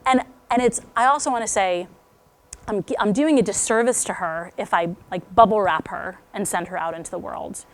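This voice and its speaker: A woman's voice: mid-range voice, normal speed. A middle-aged woman speaking candidly to a group of parents, talking in a chatty, conversational way that drops to near whispers for asides. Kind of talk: parent talk to a live group.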